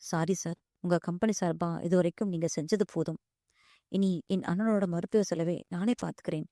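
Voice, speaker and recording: A woman's voice: on the low side, steady tone, normal speed, mellow, dry recording, studio quality, natural voice. A woman playing a proud, hurt young woman. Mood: firm. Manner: firm and respectful, calls him "sir".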